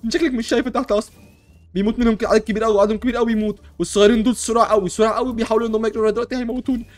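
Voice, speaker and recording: A young man with an Egyptian accent, playing a superhero in a block-building game, talking loudly and frantically with constant exclamations. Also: very high voice, fairly even intonation, rapid-fire. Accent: Egyptian Arabic. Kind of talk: excitable role-play over gameplay.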